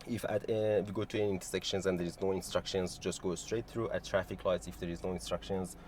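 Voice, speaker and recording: A man working as a driving instructor, calmly explaining each step to a learner in a car. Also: low-pitched, quick pace, a little hiss or hum. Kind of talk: instructional talk and voice-over. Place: inside a car.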